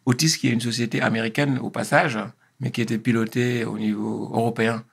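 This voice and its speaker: A man, speaking as an interview guest in a measured, hesitant way with many pauses and restarts. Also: medium pitch, steady tone, gravelly, husky. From Senegal. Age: 50s. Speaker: interview guest, engineer and consultant. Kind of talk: casual interview.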